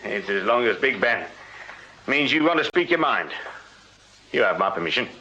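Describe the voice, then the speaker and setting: An actor playing a shrewd, firm Victorian police sergeant with an English accent, brisk, courteous and wry, in a radio drama. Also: male voice, medium pitch, very animated, pushed and bright, a little hiss or hum. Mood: wry, intent. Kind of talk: full-cast radio drama acting. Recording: slightly dull radio drama recording.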